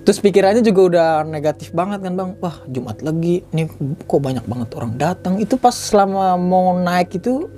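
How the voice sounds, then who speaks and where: Speaking fairly quickly with lively intonation, this twenty-something guest recounts a personal story casually, sprinkling in "gitu" and "Bang" throughout. His voice is high yet dark in tone, and a little hiss or hum can be heard.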